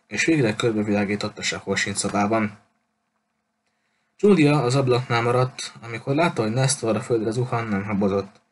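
Male audiobook narrator; low, steady storyteller, slight noise behind.

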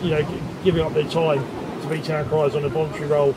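A man's voice: a little high, little pitch movement, fast talker, heavy background noise. A middle-aged man with an English accent giving an informal, hesitant interview, often repeating words as he explains. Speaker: town crier being interviewed. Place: outdoors on a seaside pier bench.

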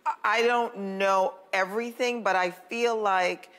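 A woman's voice: medium pitch, steady tone, measured pace, fairly bright tone. A woman chatting casually as a talk show co-host in a studio. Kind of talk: casual panel chat.

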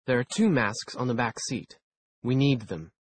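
Reading an audiobook, a man voices a brisk, bossy grown woman lecturing her young apprentice, pitching his voice higher and louder for her. The delivery is stern, curt, and commanding, with lively intonation and a slightly rough edge.

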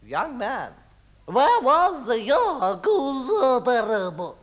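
Stage comedy: grand, gushing society matron, slow and theatrical, hugely varied pitch. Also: female voice, wildly swooping pitch, heavily acted. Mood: imperious. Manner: theatrical, drawn-out, swooping exclamations. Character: grand, gushing, haughty society lady, a domineering mother. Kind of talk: Wilde parody stage comedy.

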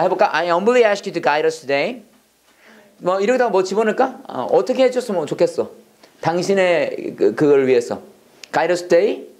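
An English prayer instructor giving a classroom lecture, drilling phrases call-and-response style, urging the class to go faster, and breaking in with joking asides. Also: mid-range voice. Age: adult, past seminary studies. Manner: energetic, coaxing, repeats drill phrases and urges speed; jokey asides and chuckles between drills.

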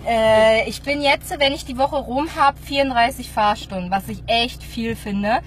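A woman's voice: fairly high pitch, unhurried. A woman chatting casually to her viewers in a vlog, giggly and greeting people by name. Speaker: vlogger. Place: in a car. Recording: car noise behind.

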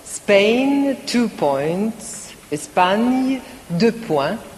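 A woman presenting a live song contest, reading each score in English and then in French in a measured way. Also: mid-range voice, very animated, a little mellow, slight background noise. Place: large concert hall. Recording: live broadcast from a concert hall with audience.

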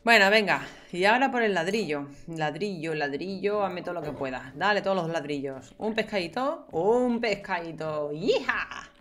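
A woman's voice: on the low side, a bit bright. Chatty young woman gaming. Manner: chatty, talks to herself and viewers, playful exclamations. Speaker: gameplay streamer. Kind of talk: casual gameplay commentary.

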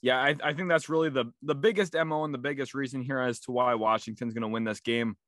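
A man's voice: medium pitch, quick pace, dry recording. A young man hosting a casual sports prediction show, leading the talk and passing questions to his co-host. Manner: energetic, leads the segment and hands questions to co-host.

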